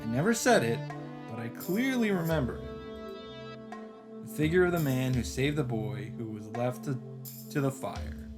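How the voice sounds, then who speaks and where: Hosting a let's play, a man narrates the story aloud with energy and makes the occasional offhand remark. His pitch is medium and his intonation lively; he speaks at normal speed but pauses often. Music runs under the voice.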